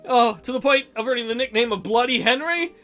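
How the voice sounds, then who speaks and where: A man with a very high voice and a sharp tone talks a little fast while reading a visual novel aloud as a let's-play. He keeps it joking and theatrical, often giggling through his playful commentary, and music plays underneath.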